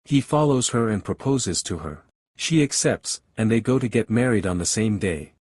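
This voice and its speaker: A man narrating a film recap in a steady, even scripted storytelling voice. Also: lowish voice, normal speed, breathy edge, dry recording.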